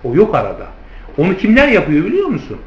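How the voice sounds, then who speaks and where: Lively, high-pitched male lecturer. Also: quick pace, noisy background. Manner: rhetorical questions answered himself; addresses listeners as friends. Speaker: theology teacher. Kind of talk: lecture on hadith commentary. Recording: roomy, slightly dull lecture recording.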